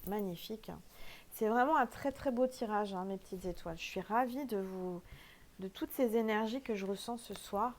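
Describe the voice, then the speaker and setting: A woman's voice: medium pitch, moderate pace, darkish tone, a little hiss or hum. A woman with a French accent doing a casual spiritual oracle card reading, chatty and emphatic, with many fillers.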